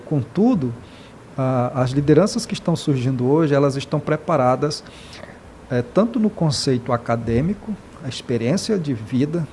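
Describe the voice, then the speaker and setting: An earnest Brazilian man speaks passionately in an interview, mid-pitched with a dark tone, hesitating often, restarting and repeatedly adding "né" as a tag question. A faint noise runs beneath the recording.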